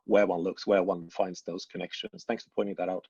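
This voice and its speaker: A man's voice: sits low, little pitch movement, fairly quick, gravelly, a little mellow, slightly rough, no room sound. A man from Sweden answering questions on a webinar panel, hesitant, with many restarts. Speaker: panel speaker, design strategist. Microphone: video call. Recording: muffled video call audio.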